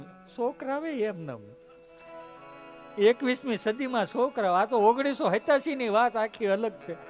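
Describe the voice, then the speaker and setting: A man telling a comic story on stage, animatedly addressing his audience. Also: high-pitched. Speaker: stand-up comedian.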